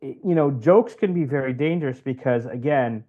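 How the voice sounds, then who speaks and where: Heard at medium pitch and normal speed over phone-quality sound, a job interview coach from West Africa (Cameroon and Ivory Coast) talks as a podcast guest. He gives advice in a conversational way, repeating phrases to stress points and offering examples.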